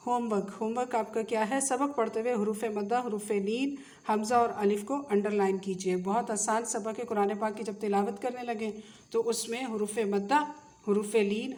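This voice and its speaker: A woman with a Pakistani Urdu accent teaching a tajweed lesson, patiently drilling letter sounds and repeating them slowly. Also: mid-range voice, a little mellow. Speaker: Quran recitation teacher.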